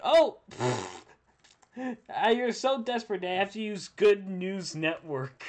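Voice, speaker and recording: A man chatting on a casual podcast in an unhurried, drawn-out way, snarky and laughing often. His voice swings widely up and down as he jokes and curses. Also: high voice, animated. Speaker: podcast co-host. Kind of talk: casual chat on a live stream.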